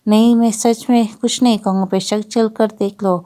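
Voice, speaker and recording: A proud, commanding young husband from a romance audio novel, read by a woman in her own voice. He speaks seriously and firmly, easing into tenderness. The tone is warm and mellow rather than bright. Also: fairly high pitch, fairly even intonation, lightly acted. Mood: tender.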